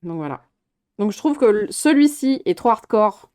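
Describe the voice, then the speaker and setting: A woman's voice: medium pitch, expressive, normal speed, a little mellow. Chatty woman streamer, laughing often. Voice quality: laughs often, swears casually. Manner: chatty, rambling with restarts, reacting to chat. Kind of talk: casual live-stream film chat.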